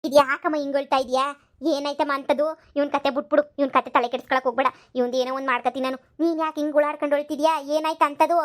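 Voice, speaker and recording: A woman's voice: high-pitched, steady tone, lightly acted. A woman voicing a scolding young village wife. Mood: soothing. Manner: scolding, rapid and nagging. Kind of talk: cartoon comedy voice acting.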